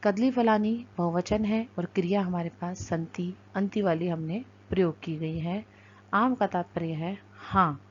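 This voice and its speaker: A woman teaching a recorded lesson, explaining words slowly and spelling out sounds one at a time. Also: on the low side, a little hiss or hum. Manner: slow, careful and deliberate, spelling out sounds one by one. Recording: dull lo-fi recording.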